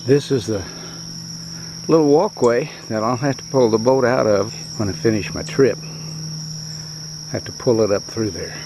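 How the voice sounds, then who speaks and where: A man narrating a fishing trip outdoors by a rural creek in a plain, matter-of-fact, unhurried way, speaking into a handheld camera. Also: medium pitch, noisy background. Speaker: fishing vlogger. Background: insects and countryside ambience.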